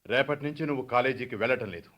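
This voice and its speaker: A man's voice: medium pitch, rapid-fire, dull audio, natural voice. A man playing a stern domineering father. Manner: commanding, curt decrees. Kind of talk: radio drama acting.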